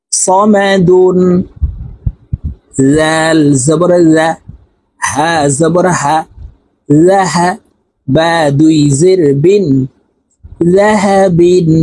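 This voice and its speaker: Man teaching Quran reading; spells out syllables and repeats each word, slow husky delivery. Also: on the high side, darkish tone, no room sound, rough recording. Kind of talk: spelled-out recitation lesson.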